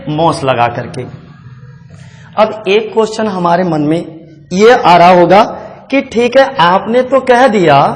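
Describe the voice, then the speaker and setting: A man's voice: sits high, big-room sound. A man from India teaching English grammar in a coaching class, repeating key points and asking himself questions before he answers them. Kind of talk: classroom lesson.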